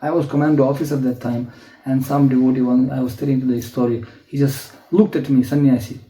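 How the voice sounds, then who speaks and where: A male spiritual teacher, telling stories in a sermon with frequent laughter and animated acted-out voices. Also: medium pitch, fairly quick. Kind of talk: storytelling sermon. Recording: echoey lecture hall.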